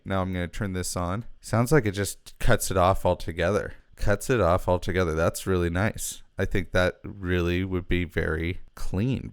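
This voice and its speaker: A man with a very low, smooth, resonant voice hosts a casual gear demo. He thinks aloud in a loose, chatty way. The sound is dry and close. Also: dry recording. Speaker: host.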